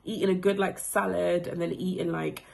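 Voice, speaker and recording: In her thirties and from the Democratic Republic of Congo, this woman speaks at a normal speed in a fairly low, gravelly, darkish voice with little pitch movement. She offers a casual, reflective testimonial about being coached, her phrasing loose and full of fillers.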